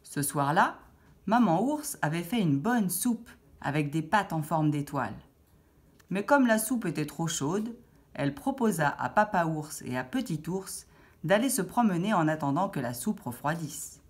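Lady reading a kids fairy tale, lively voice going up and down, lowish. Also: unhurried. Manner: expressive, animated storytelling. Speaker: storyteller. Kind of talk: children's story reading.

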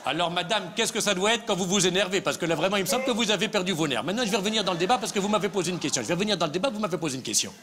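A man's voice: sits high, animated, racing, hardly any pauses, background noise. A male comedian in a live stage sketch, playing a smug, patronizing politician who repeats himself. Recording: live theatre with audience laughter.

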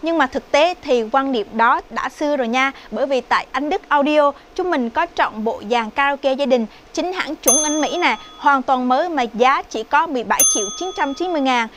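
A woman's voice: high voice, moderate pace, few pauses, a bit bright, slight background noise. A woman presenting a product review for a shop in a friendly, chatty sales manner. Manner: chatty, friendly sales talk with frequent "nè" and "nha".

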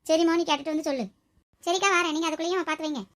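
A woman's voice: extremely high pitch, fairly even intonation, racing. Woman playing a nosy gossiping village neighbor. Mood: gossipy.

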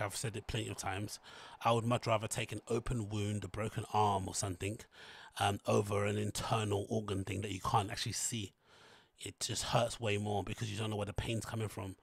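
A British man with a lowish voice rambles casually into a close studio mic. His mouth barely opens as he recovers from tonsillitis, so the words come out muffled and marble-mouthed. The sound is dry, with little room in it. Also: creaky, breathy edge, no echo. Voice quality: muddy, marble-mouthed articulation. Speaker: solo podcast host. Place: small plain room indoors. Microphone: large close studio mic with foam cover.

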